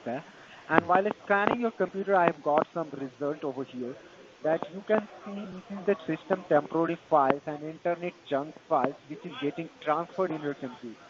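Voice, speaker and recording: A man with an Indian accent giving a tech support pitch in a call-center manner, halting and repetitive in non-native phrasing. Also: very noisy. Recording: dull lo-fi phone call, busy chatter behind.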